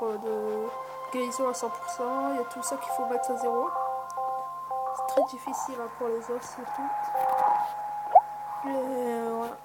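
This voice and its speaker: A gaming video host gives casual let's play commentary in a fairly high voice, hesitant and full of fillers, with some mild swearing. Loud background music sits under her voice, making for heavy background noise.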